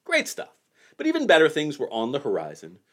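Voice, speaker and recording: A man's voice: fairly high pitch, wildly swooping pitch, fairly quick, a bit bright. A man in his forties hosting a podcast, telling a band's history in a wry, joking way. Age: 40s. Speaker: podcast host. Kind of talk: casual podcast chat.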